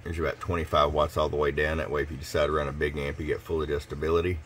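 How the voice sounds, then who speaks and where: A man with an extremely deep voice talks through a radio tune-up at his workbench. He is casual and folksy, speaking straight to a customer. A faint hum of the shop sits behind him. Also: flat delivery, racing, a bit bright. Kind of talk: casual product demonstration.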